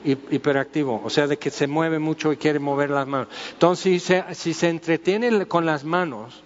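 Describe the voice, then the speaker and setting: A man's voice: fairly high pitch, moderate pace, muffled recording, slight background noise. A man with a Mexican Spanish accent preaching a humorous sermon as pastor, joking and acting out little scenes.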